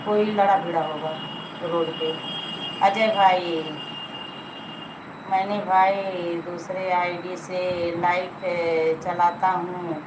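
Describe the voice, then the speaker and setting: A woman's voice: fairly low pitch, level tone, slow pace, pauses often, noisy background. A middle-aged woman hosting a casual live stream, chatting with viewers, teasing them and coaxing them to like and comment. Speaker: livestream host.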